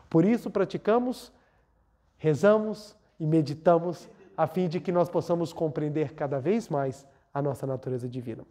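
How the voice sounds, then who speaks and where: A man's voice: a little high, warm tone. A man with a Brazilian Portuguese accent giving an earnest spiritual lecture, repeating words for emphasis and leading a meditation. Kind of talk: spiritual talk and guided meditation.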